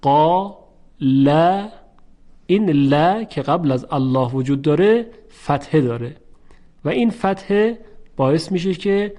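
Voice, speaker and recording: Guy teaching recitation, bit higher voice, drags out the example words then talks faster. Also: animated, mellow. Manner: slow drawn-out example words, brisk explanations. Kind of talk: Quran recitation lesson.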